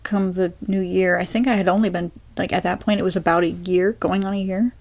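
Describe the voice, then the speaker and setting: A young woman, an ASMR creator, talking softly and rambling through a Q&A with many fillers and restarts. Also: on the low side, fairly even intonation, fairly quick. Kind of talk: soft-spoken rambling Q&A.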